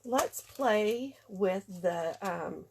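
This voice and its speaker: A congested woman leads an easygoing craft tutorial, narrating every step in a chatty way. She takes her time, speaking at an unhurried, drawn-out pace. Her voice sits at an ordinary middle pitch, with faint clicks in the background. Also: animated, a little hiss or hum. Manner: chatty, unhurried, talks through each step. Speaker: card-making demonstrator.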